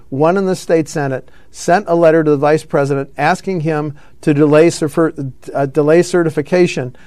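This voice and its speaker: Man, political talk host, smooth resonant voice, slightly high, dry close sound, halting with fillers. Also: darkish tone, no echo. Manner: reads news items with frequent fillers and self-corrections. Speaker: radio show host.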